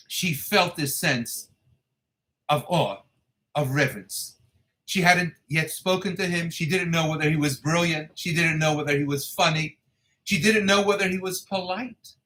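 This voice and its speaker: Bright, high-pitched male rabbi delivering a sermon. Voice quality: Hebrew terms and quotations woven into speech. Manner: measured, emphatic, deliberate phrasing with dramatic pauses; poses rhetorical questions. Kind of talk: short sermon on scripture.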